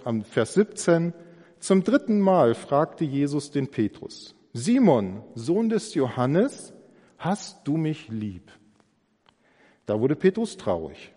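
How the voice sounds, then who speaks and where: A man's voice: mid-range voice, warm tone. A man preaching an earnest, reflective sermon, acting out imagined dialogue with emphasis. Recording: long hall reverb.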